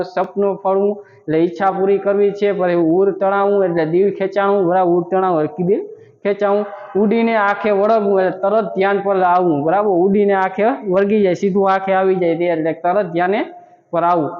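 A man teaching a grammar lesson, explaining each point and repeating it with a filler word. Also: sits high. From India. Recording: dull lo-fi sound with long reverb.

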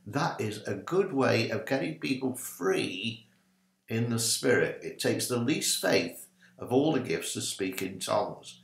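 A slightly slow, creaky mid-range voice belongs to an older minister speaking in an echoey room. Unscripted and animated, he uses both hands as he delivers an informal teaching talk to a webcam in his small home study.

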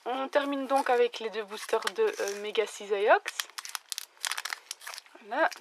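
A young woman, slightly hoarse from a recent illness, chatting casually as she opens trading cards and exclaims over the ones she likes. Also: fairly high pitch, a little slow, a little hiss or hum. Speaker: YouTuber opening trading cards. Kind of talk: casual card-opening commentary.

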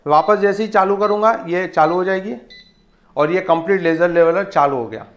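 A tool shop owner demonstrates a laser leveler in a casual product demo, explaining each step and telling viewers to look. He has a high voice and speaks at normal speed. It was filmed indoors by someone else on a handheld camera in a small shelved shop room that sounds echoey, slightly dull, and faintly noisy.

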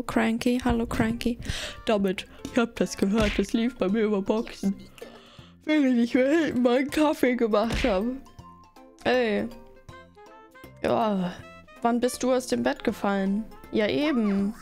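Giggly high-voiced woman streamer. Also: a little slow, darkish tone, faint music behind. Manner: giggly, teasing, thanks viewers one after another. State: sleepy morning mood. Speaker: live streamer. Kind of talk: casual live-stream chat.

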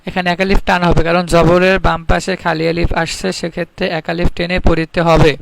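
A man teaching Quran reading online, who spells out letters and vowel marks in slow, drilled repetitions. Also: fairly high pitch, flat delivery, creaky, background noise. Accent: Bangladeshi Bengali. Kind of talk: online recitation lesson.

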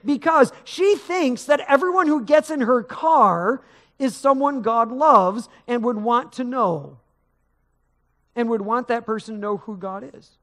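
In an extremely high, slightly bright voice, a middle-aged pastor takes his time preaching from the stage of a large church. His delivery is conversational yet builds with emphasis, and he gestures while walking the stage.

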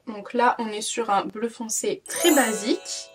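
A woman's voice: fairly high pitch, fairly even intonation, measured pace, breathy edge, far from the mic. Tired, chatty young woman. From France. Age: 20s. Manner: chatty, rambling, with many fillers and restarts. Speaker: parenting vlogger. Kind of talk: casual haul vlog.

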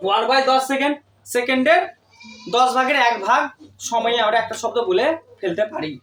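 A woman tutor teaching a classroom lesson, explaining step by step and often asking her students questions. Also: high-pitched. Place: tuition classroom. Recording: echoey room, distant mic, faint noise.

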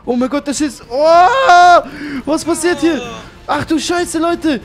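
A young man with a fairly high voice narrates his game role-play. He is excitable and keeps repeating his exclamations. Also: normal speed. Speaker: gaming YouTuber.

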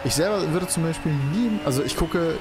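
Commentating a racing game, this young let's play host rambles, swears, and exclaims at the track. His fairly quick voice runs on the high side, and the background is noisy, with game music playing.

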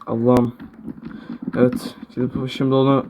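A young man playing a shooter game, talking to himself, excitable, swearing and muttering at the action. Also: mid-range voice, measured pace, slight background noise. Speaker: gamer. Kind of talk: live gameplay commentary.

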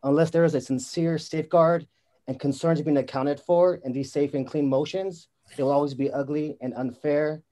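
A man giving a public comment at an online council meeting, halting with fillers and restarts. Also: a little high, fairly even intonation, dark tone.

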